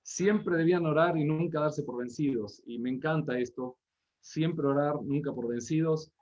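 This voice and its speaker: A man from Patagonia, giving a missionary report over a video call in a joking, lively way. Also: on the high side, moderate pace, highs cut off. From Argentine Patagonia.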